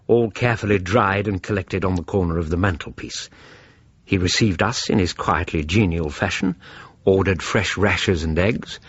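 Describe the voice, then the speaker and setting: An actor playing a kindly, brisk Victorian doctor with an English accent, courteous and reassuring as he acts and narrates in a radio drama. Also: lowish voice, a bit bright, breathy edge, dull audio.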